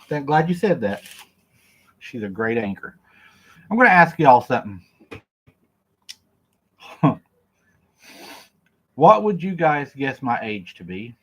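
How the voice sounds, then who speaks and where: A man's voice: a little high, very animated, measured pace, pauses often, a bit bright. Joking man on a livestream. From Oklahoma. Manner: joking, laughing, reads viewer comments aloud. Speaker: livestream host. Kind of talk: casual livestream chat while eating.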